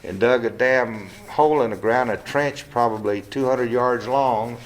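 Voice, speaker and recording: A man in his seventies being interviewed at home about his life, speaking plainly and bluntly with some cursing, often stopping and restarting with "uh". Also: medium pitch. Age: 70s. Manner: halting, with frequent restarts and "uh"s. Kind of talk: casual oral-history interview. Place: living room of his home.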